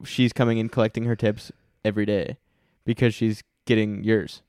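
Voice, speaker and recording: Relaxed, low-voiced man rambling through a story. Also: moderate pace, no echo, clean studio sound. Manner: relaxed, rambling, hedging with fillers. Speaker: podcast co-host. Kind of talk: casual chat, storytelling.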